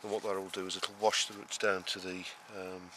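This deep-voiced man speaks at a normal pace with a flat delivery while showing viewers around his vegetable allotment. As gardener and host of a casual tour, he explains his planting one step at a time, rambling with plenty of fillers and restarts. The camera's noisy outdoor sound carries rural background ambience.

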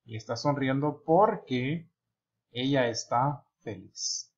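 Male English teacher, mid-pitched, slow deliberate examples, dull lo-fi sound. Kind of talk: online English lesson. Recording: dull lo-fi recording.

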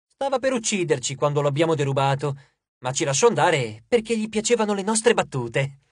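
A man's voice: on the high side, sing-song, brisk, dry recording, studio quality. A man voicing a boastful, mischievous male dwarf in an audiobook, with a cheeky, mocking manner. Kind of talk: audiobook character voice.

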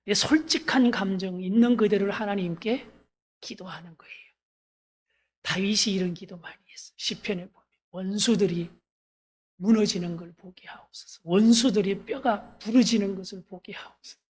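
A woman's voice: medium pitch, moderate pace, darkish tone, husky. A woman pastor preaching a church service sermon, speaking earnestly and directly to her congregation and leading them in reading scripture aloud.

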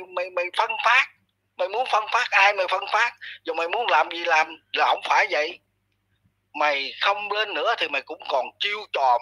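Male commentator, husky and sharp-edged, blunt scolding rant, talks down to his target. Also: sits high, low-quality recording. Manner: blunt, scolding, addresses listener harshly. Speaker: online commentator. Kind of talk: ranting commentary monologue.

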